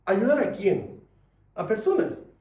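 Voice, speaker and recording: Lively man teaching a sales class. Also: high-pitched, slow. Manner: lively, asks the class questions. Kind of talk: classroom lecture. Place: classroom with students. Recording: echoey room, mic at a distance.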